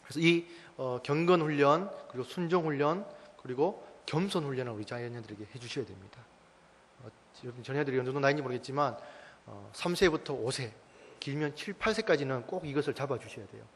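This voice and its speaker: A man's voice: medium pitch, brisk. A man in his thirties, a church staff speaker, giving an emphatic parenting talk to a mothers' group and firing rhetorical questions at the audience. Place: church hall. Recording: long church-hall reverb.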